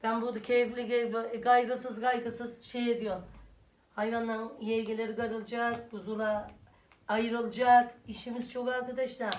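A woman's voice: fairly high pitch, flat delivery, normal speed, a little hiss or hum. An older woman, a grandmother, chatting casually to her viewers as friends and cooing at her little grandson in a sing-song way. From Turkey. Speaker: village vlogger and grandmother. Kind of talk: casual home vlog chat. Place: village house room. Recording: echoey room, mic at a distance.

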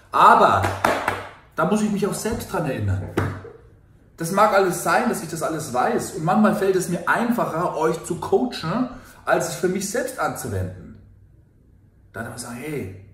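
Earnest coach in an echoey room. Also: male voice, mid-range voice. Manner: earnest, emphatic, self-questioning, swings from quiet to loud. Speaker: fitness and life coach. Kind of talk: personal confessional monologue.

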